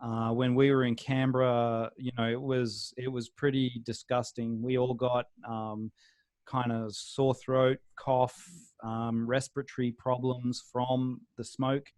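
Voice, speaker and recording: An Australian man, a guest on a video call interview, talking in a relaxed, rambling way with many pauses and restarts. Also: medium pitch, dry recording.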